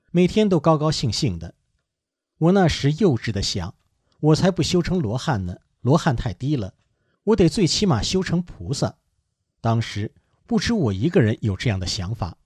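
A man reads a first-person account aloud in an earnest, measured way. His voice is slightly husky, and his pitch rises and falls a lot as he goes. The recording is close and dry, with no room sound. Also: a little mellow, no room sound.

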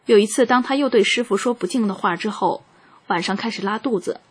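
A woman reading a first-person account aloud in a calm, measured narration. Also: mid-range voice, slightly rough.

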